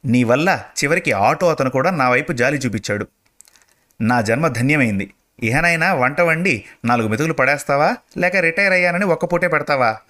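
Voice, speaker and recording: A man's voice: on the high side, animated, a little fast, pushed and bright. A man voicing a retired older husband who grumbles and teases his wife sarcastically. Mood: irritated. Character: retired older husband, grumpy yet teasing.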